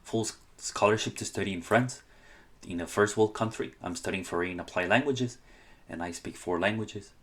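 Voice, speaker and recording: Deep-voiced Honduran man, halting advice talk. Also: fairly bright tone. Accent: Spanish-speaking Honduran. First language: Spanish. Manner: hesitant, many restarts and self-corrections. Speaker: channel host. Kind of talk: casual podcast-style advice talk.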